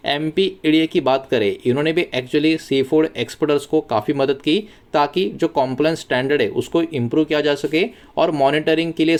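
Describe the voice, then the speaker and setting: A man's voice: fairly high pitch, darkish tone. A man hosting a stock market news channel, explaining the news in a conversational tone and often mixing English words into his sentences. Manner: conversational, mixes English words into Hindi, repeats phrases. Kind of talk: casual explainer monologue.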